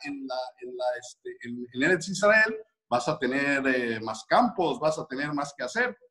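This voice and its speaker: Man as a calm, mournful old storybook rabbi. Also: medium pitch, unhurried. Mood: patient.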